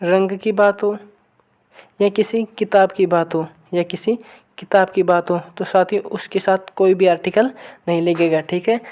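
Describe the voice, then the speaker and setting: A woman's voice: medium pitch, fairly even intonation, darkish tone. Woman teacher quizzing her online class. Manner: keeps asking viewers for answers; repeats questions and reads sample sentences slowly. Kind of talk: online exam-prep lesson.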